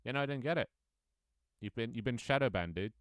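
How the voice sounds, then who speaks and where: A man in his twenties streams his own game and chats casually with viewers, rambling with lots of ums and restarts and reading chat aloud. His mid-range voice is expressive and fairly quick. The recording is dry and studio quality.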